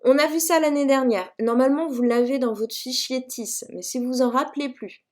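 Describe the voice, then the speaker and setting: A woman's voice: sits high, normal speed, darkish tone. A woman teacher talks her class through a math exercise on a graphing calculator in a recorded lesson. She explains each step in a chatty, informal way, peppering her talk with little fillers and teasing herself as she goes. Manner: chatty and self-mocking, frequent "hein" and "euh", explains step by step.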